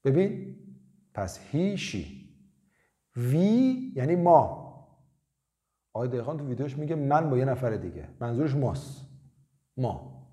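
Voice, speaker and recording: A man teaches beginner English in a relaxed, chatty way. His pitch moves a lot as he drills short phrases over and over. His voice is dark and mellow. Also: long pauses. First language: Persian. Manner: lively, drills phrases with repetition. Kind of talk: casual spoken lesson.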